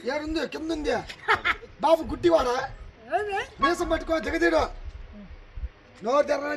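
A man acting a cheeky comic servant in a folk stage drama, teasing in quick banter. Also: very high-pitched, steady tone, creaky, noisy background. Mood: mocking. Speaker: stage actor. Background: music.

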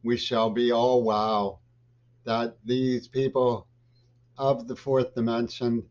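Agitated and swinging from loud outbursts to mutters, an older man delivers a slow, rambling political monologue to his desk webcam. His mid-range voice shows little pitch movement, and the small bookshelf-lined home office sounds dull and lo-fi.

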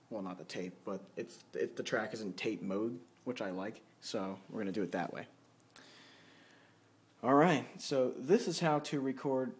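With background music playing, a man in a dim room at his home computer casually tours his studio setup and pokes fun at himself. His voice is on the low side, a little mellow, with a breathy edge. A handheld camera or phone mic captures it.

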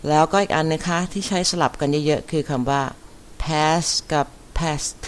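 A woman teaching an English vocabulary lesson, repeating each word and spelling it out letter by letter with careful, deliberate enunciation. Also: deep voice, steady tone, clear, resonant tone. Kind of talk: slow vocabulary lesson, spelling words aloud.

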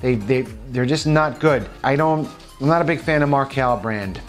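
A man's voice: mid-range voice, normal speed, faint music behind. A man with a New Jersey accent gives casual, opinionated commentary on store flyers, chatty with frequent restarts. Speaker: vlog host.

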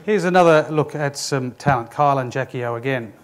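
A man delivers a conference presentation in an even, middle-pitched voice. He is measured and explanatory and speaks directly to the audience. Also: crowd noise. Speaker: conference speaker, former radio executive.

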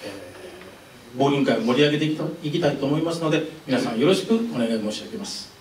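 A man's voice: mid-range voice, expressive, quick pace, slight background noise. An older man heading a professional sports association, speaking very politely and formally at a press conference, hesitating with fillers. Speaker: professional bowling association head. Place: indoor press conference room. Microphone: desk microphone. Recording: roomy, mic a bit distant.

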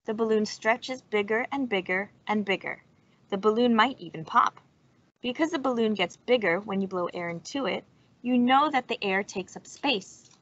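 Over a video call, a woman storytime reader reads a children's science book aloud in a mid-range, fairly bright voice at a moderate pace. The video call microphone gives dull, lo-fi audio.

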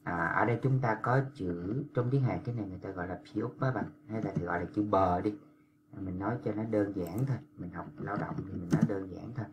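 A man walks learners through pronunciation in a very deep voice. He talks patiently and stretches out syllables when he demonstrates them, with a faint background hum. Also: fast talker, dull audio. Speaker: Korean language teacher. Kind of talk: explanatory lesson for language learners.

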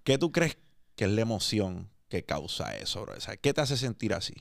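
In a casual studio interview, a Puerto Rican podcast host mixes English words into his relaxed, slang-filled Spanish. His fairly low, gravelly voice swings widely in pitch at a moderate pace, with no room sound in the recording.

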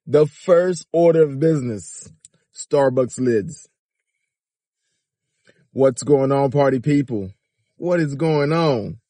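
A man in his fifties from Miami, Florida, records a casual commentary vlog from inside his car, addressing viewers directly in an animated, chatty way. His medium-pitched voice is slow with frequent pauses, picked up by a phone or dash camera at arm's length.

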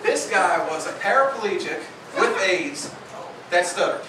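A man's voice: expressive, unhurried. A young man doing a crude, rambling stand-up comedy set on a club stage, with audience laughter behind him. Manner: crude, rambling, puts on high voices for women. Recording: far from mic, echoey club, loud noise.

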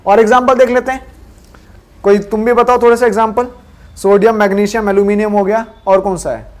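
A male science teacher in a classroom lesson who fires off quiz questions and answers them himself, dropping lower for the answers and repeating key terms drill-style. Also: steady tone, fairly quick, a little mellow.

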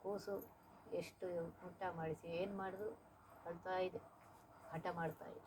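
Slow-singing woman devotional teacher. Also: on the low side, steady tone, background noise. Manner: sings verses slowly, then explains them in plain speech. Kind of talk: singing and explaining devotional songs.

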